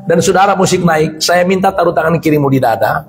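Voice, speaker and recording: A male preacher with a Manado Malay accent, preaching a dramatic evangelistic sermon, often shouting and acting out scenes, in a detention center hall. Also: fairly high pitch, quick pace, creaky, slight background noise. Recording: echoey hall with long reverb.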